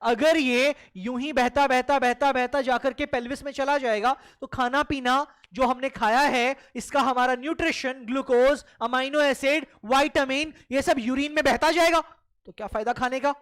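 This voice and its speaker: A teacher lecturing a class who fires off quick questions and answers them straight away. Words get repeated for emphasis, and the students are called children. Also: high-pitched, fairly even intonation, a bit bright, smooth. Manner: mixes Hindi and English freely. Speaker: biology teacher.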